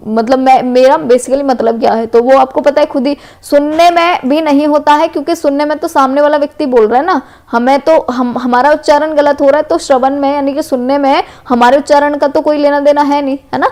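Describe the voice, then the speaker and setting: High-voiced woman teacher from Uttar Pradesh. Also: steady tone, a little fast, hardly any pauses. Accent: western Uttar Pradesh Hindi. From Uttar Pradesh, India. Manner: explanatory, repeats "है ना" and "correct है". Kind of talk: exam MCQ revision lesson.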